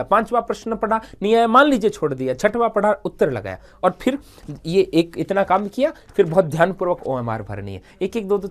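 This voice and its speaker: Animated man giving exam advice. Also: sits high. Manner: animated, repetitive, frequent "thik hai" checks. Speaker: exam coach. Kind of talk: motivational exam advice talk. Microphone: livestream setup.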